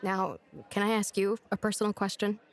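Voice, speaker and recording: A woman's voice: medium pitch, level tone, fairly quick, lightly acted. Actress as a blunt young woman with a dry, teasing, direct delivery, for an audio drama. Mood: earnest. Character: blunt, sarcastic young woman, grieving sister. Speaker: Bianca Diaz.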